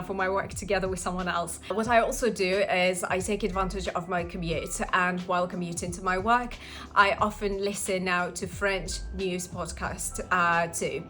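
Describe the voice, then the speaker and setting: A young woman from a Russian-speaking background, whose first language is Russian, talks to camera in a casual vlog about her language-learning habits. Her medium-pitched voice is a bit bright, and she uses frequent "uh" fillers.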